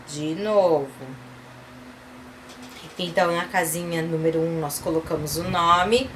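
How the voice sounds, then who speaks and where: A woman teacher with a Brazilian Portuguese accent, giving a recorded literacy lesson to young children and sounding out letters and syllables slowly. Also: medium pitch, fairly bright tone, slight background noise. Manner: slow, sing-song, sounding out letters and syllables. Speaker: kindergarten teacher.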